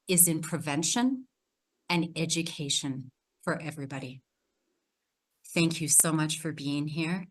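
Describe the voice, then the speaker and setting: A woman panelist speaks with earnest conviction in a slightly low voice. She advocates steadily in the measured delivery of panel remarks. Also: poor audio.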